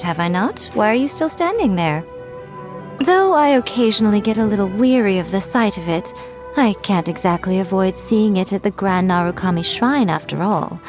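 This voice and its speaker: Woman voicing Yae Miko, a high-pitched, sly fox-spirit maiden. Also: darkish tone, close to an everyday voice. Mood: teasing, haughty. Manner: coy, haughty, playfully condescending, deliberate phrasing. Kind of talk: scripted video game character voice-over. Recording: music behind the voice. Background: background music.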